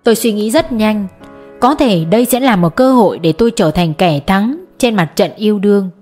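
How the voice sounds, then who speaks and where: A woman's voice: mid-range voice, lively intonation, moderate pace, a little mellow, soft background music. Woman narrating an emotional audiobook. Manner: emotional first-person storytelling.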